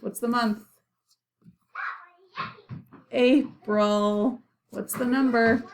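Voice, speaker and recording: A woman speaking like a kindergarten teacher leading young children through a lesson, encouraging them in simple, repeated phrases and pausing for answers. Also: on the high side, steady tone, slight background noise, rough recording.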